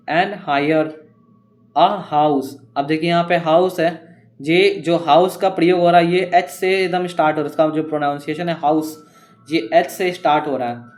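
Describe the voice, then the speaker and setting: A man teaching an exam-prep grammar lesson, explaining step by step and reading examples slowly. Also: fairly high pitch.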